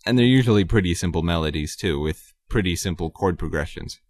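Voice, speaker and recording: A man hosting his own podcast, talking casually and haltingly about composing, with many ums and self-corrections. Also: low-pitched, animated, no echo, studio quality. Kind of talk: casual solo talk about his music.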